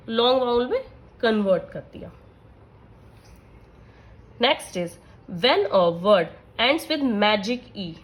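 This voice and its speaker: A woman, in her thirties, teaching a phonics lesson in mixed with English, sounding words out letter by letter and answering her own questions. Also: sits high.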